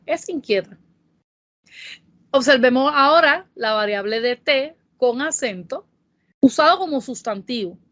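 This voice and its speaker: A woman with a Puerto Rican Spanish accent, narrating a Spanish grammar lesson in a careful, explanatory way and reading example sentences slowly. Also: on the high side, no room sound. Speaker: Spanish tutor. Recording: dull, dry voice-over.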